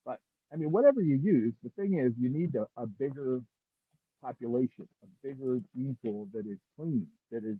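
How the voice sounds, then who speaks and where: A man's voice: medium pitch, lively intonation, normal speed, no room sound. A man talking casually as a dog breeder on a remote call, rambling with many restarts, his voice muffled as if heard through a wall. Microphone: earbuds on a remote call. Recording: muffled, husky, dry, phone-like remote call.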